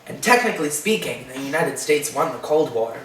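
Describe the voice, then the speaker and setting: A man's voice: a little high, lively intonation, a little fast, fairly bright tone, a little hiss or hum. A teenage boy co-hosting a school history countdown in a casual, joking way. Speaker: co-host. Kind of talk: school video countdown presentation. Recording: echoey room, mic far off.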